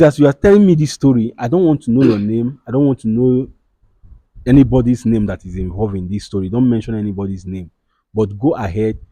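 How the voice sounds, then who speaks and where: A man hosts the program in a calm, deliberate and formal manner. His voice is very dark and lowish in pitch. The sound is dry, with no room around it. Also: dry recording. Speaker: host. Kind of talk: measured interview hosting.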